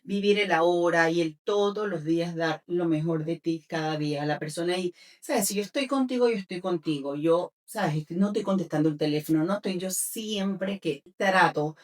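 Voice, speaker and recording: A woman's voice: lowish voice, normal speed, few pauses, far from the mic. A woman sharing a personal testimony as an interview guest, with many fillers and restarts.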